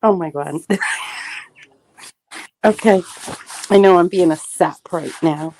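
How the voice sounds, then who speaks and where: A woman's voice: on the low side, takes it slowly, darkish tone. A woman co-hosting a casual reseller livestream chat, effusive and emotional.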